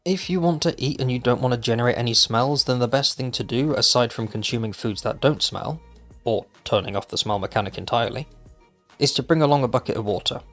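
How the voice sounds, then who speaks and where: A man narrating a scripted top ten countdown style video of game tips, explaining each item clearly with casual asides. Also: mid-range voice, a little fast, fairly bright tone. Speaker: gaming video host. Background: music.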